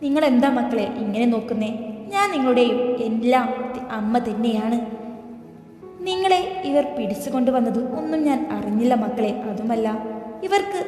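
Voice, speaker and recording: A woman voicing a gentle, tender middle-aged mother who speaks to her grown children in a soothing way. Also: fairly high pitch, expressive, moderate pace, close to an everyday voice. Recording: echoey reverb with soft music.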